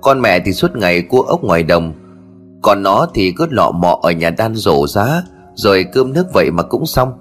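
A man voicing a sly, fawning male servant who keeps flattering his master in a storybook tale. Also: low-pitched, normal speed, faint music behind. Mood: wheedling. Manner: wheedling, deferential.

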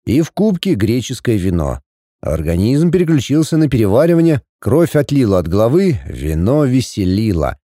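A man narrates an audiobook in an expressive, wry manner, his pitch moving freely over a wide range. His voice is warm and mellow, and the recording is dry and close to the mic. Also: moderate pace, no echo. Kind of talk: audiobook reading.

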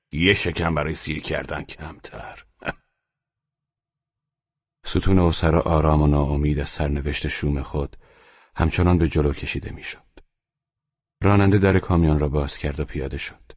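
A man reading an audiobook in grave, measured scripted narration, on a dull, dry lo-fi recording. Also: very deep voice, a little mellow, breathy edge, no room sound.

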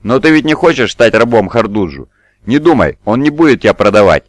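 A man's voice: fairly low pitch, fairly quick, no room sound. A man playing a teasing god in a boy's guise. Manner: calm, teasing, knowing. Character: god posing as a small mocking boy.

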